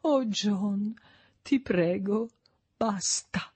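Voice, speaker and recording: A man reading an audiobook aloud, voicing a chirpy older mother in a high, sing-song voice. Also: moderate pace, fairly bright tone. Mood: plaintive. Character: chirpy older mother, cheerful then plaintive.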